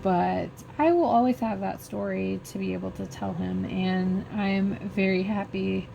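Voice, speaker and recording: A middle-aged woman vlogger slowly telling a personal story while crafting, halting and emotional. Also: medium pitch, steady tone, vocal fry, mellow, dull audio, slight background noise.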